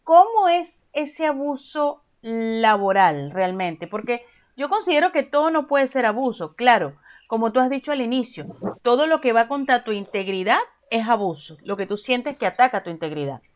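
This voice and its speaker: A woman's voice: fairly high pitch, animated, moderate pace. A woman from Venezuela hosting an interview, asking long conversational questions. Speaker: interview host.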